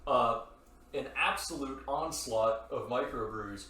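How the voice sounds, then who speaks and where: A man's voice: mid-range voice, takes it slowly, sharp tone. A man hosting a casual beer review podcast, laid-back and rambling, swearing now and then. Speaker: podcast host. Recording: roomy echo, mic at a distance, faint ambience.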